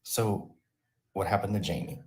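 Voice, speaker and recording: A man hosting his channel, telling a rambling comic story off the cuff with a deadpan, absurd humor. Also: low-pitched, moderate pace. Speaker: channel host.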